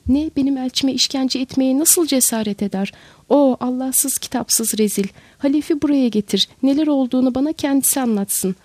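An older sultan speaks in sharp, imperious commands, read out by a woman narrator in her own high voice. The sound is dry and close, with no room around it. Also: normal speed, no echo. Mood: outraged. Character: proud frightened older male sultan.

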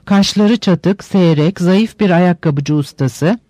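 A man reading a novel aloud in steady, measured scripted narration. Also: high-pitched, no room sound.

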